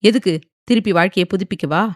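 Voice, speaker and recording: A woman's voice: mid-range voice, fairly even intonation, normal speed, darkish tone, dry recording, studio quality, natural voice. Woman voicing a curt, stern young man. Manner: curt and threatening.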